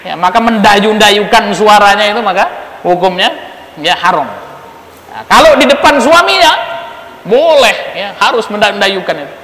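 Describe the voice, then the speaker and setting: A man giving a relaxed religious lecture, teasing his listeners and asking them questions. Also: high-pitched, normal speed. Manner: joking, asks the audience questions. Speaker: ustadz teaching a study circle. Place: prayer room. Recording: echoey prayer room with long reverb.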